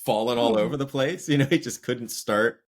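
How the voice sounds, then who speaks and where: A man hosting a podcast, chatty, asking rambling questions and reacting with quick asides. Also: medium pitch. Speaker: podcast host. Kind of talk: casual chat.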